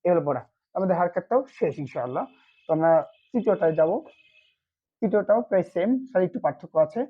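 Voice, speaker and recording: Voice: mid-range voice, lively intonation, fast talker, breathy edge, phone-quality sound. A Quran reading teacher giving an online lesson, asking short questions and answering them himself.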